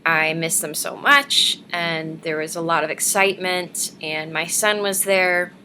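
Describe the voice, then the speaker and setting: A woman's voice: fairly low pitch, a little slow, bright, forceful tone. A woman in her thirties talking casually and chattily to camera as a vlogger, recorded in a living room at home. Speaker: vlogger hosting a personal denture diary. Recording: noisy webcam room recording.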